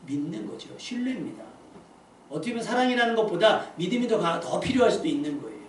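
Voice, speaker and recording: Male pastor, sermon, high-pitched voice, chatty rhetorical questions, heard from afar in a roomy church. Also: big pitch swings, quick pace. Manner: conversational, asks the congregation rhetorical questions. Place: church sanctuary. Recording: echoey church hall from a distance, faint room noise.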